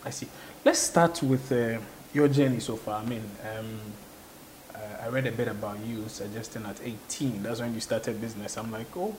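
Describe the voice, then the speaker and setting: A man's voice: medium pitch, moderate pace, a little mellow, slight background noise, rough recording. A man interviewing a guest, attentive and prompting her with frequent short murmurs. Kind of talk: interview conversation.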